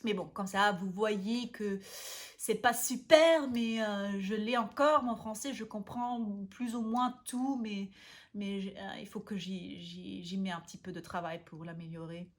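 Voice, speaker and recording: A woman from Austria, talking casually to camera as a language vlogger, often pausing to search for words and restarting. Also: medium pitch. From Austria (Vienna). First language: German.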